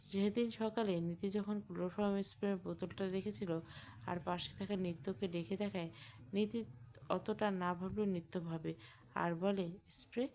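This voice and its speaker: Female audiobook narrator, steady story read, lo-fi sound. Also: medium pitch, normal speed, slight background noise. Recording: dull lo-fi recording.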